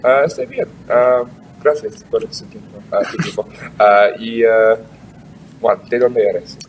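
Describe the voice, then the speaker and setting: Slow, halting man asking questions. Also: fairly low pitch. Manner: very halting, constant "ah" fillers, searching for words. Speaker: interviewer. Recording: distant mic with faint background noise.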